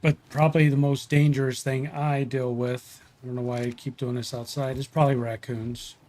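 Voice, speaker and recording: A man's voice: mid-range voice, little pitch movement, normal speed, darkish tone. A middle-aged man from Ohio who works in wildlife removal, chatting casually and telling stories with lots of fillers and restarts. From Ohio, USA. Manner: folksy storyteller, many fillers and restarts. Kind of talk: casual livestream chat.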